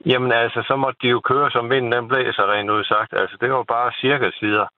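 A middle-aged man phones in as a caller, chatting casually and rambling with repeated words and tag questions. His mid-range voice stays level, and the dry recording has the tinny sound of a telephone line.

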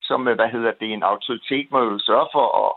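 Male caller, gravelly voice, tinny phone line, animated storyteller who swears. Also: medium pitch, dry recording. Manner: animated, swearing storyteller, gets loud when retelling shouting.

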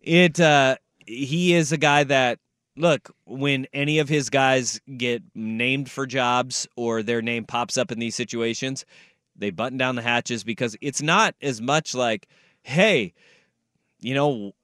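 A man's voice: mid-range voice, takes it slowly, fairly bright tone, no room sound, studio quality. A man hosting a casual sports talk radio show, conversational and given to repeating phrases for emphasis. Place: radio studio.

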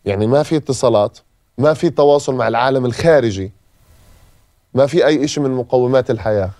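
Fast-talking Palestinian man, emotional testimony. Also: mid-range voice, mellow, no echo. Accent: Palestinian Arabic. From Gaza, Palestine. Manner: emotional, repeating phrases for emphasis. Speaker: guest. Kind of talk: personal testimony in a podcast interview.

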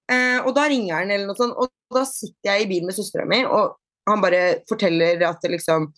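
A woman being interviewed on a podcast, chatting casually, with many fillers and restarts and lively retold dialogue. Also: medium pitch, dry recording, studio quality. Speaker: podcast guest, bodyfitness athlete.

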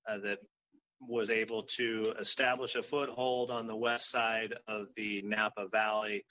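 Male spokesman, monotone, bright hard tone, halting formal briefing, faint hum. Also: lowish voice, poor audio. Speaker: fire agency spokesman. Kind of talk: press briefing statement.

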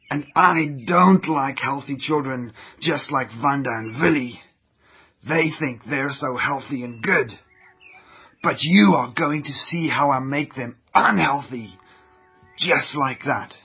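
A man's voice: on the high side, slightly rough, lo-fi sound, heavily acted. A man voicing a sneering germ villain who hates clean, healthy children, gloating and disgusted in a theatrical way.

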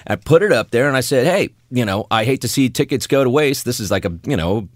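A man's voice: medium pitch, lively intonation, fast, no echo. A man co-hosting a radio show, bantering casually in a wry, self-mocking, joking way from a radio studio.

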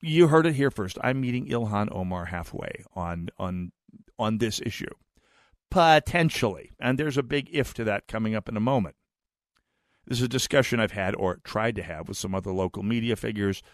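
On a talk radio show, a middle-aged host from the United States rambles chattily and digressively, frequently restarting and repeating words as he goes. His voice is on the low side and expressive, at a moderate pace. The recording is dry and studio quality.

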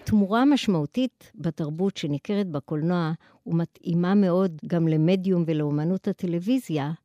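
An Israeli-accented woman gives a scholarly lecture from a prepared text. Her voice is fairly low and very mellow, with formal, carefully built sentences. The sound is dry and close, with no room on it. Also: no echo, muffled recording. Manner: formal, articulate, long measured sentences. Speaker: academic lecturer. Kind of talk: scripted academic lecture.

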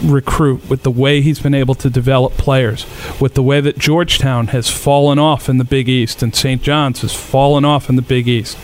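A man's voice: mid-range voice, slight background noise. A man from Rhode Island, co-hosting a casual sports podcast chat, making his case by stacking up points. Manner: building lists of points. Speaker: podcast co-host.

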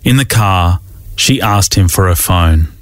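A man reading scripted documentary narration with a measured, even delivery. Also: sits low, dry recording, studio quality.

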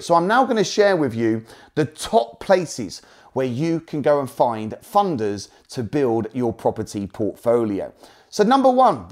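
A man's voice: medium pitch, a little mellow. A man from Essex with an Essex accent, teaching like a motivational property trainer, telling personal anecdotes in an emphatic, salesy way and repeating key points. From Essex, England.

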